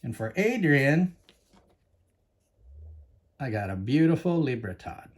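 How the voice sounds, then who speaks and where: A Canadian man hosts his coin-collecting channel, talking directly and cheerfully to viewers in a relaxed show-and-tell vlog. He speaks slowly, in a medium pitch with a sing-song lilt.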